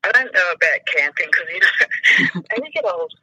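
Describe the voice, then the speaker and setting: Middle-aged woman, casual and wry, halting starts, very sharp bright tone. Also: fairly low pitch, lively intonation, slightly rough, poor audio. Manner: hesitant starts, repeats words, wry. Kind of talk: casual chat.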